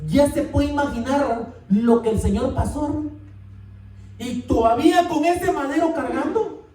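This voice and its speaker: A man preaching a sermon, animated and calling out to the congregation often. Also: very high-pitched, moderate pace, a little hiss or hum. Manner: animated, calls out "hermano" often. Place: church sanctuary. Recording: echoey church from far off.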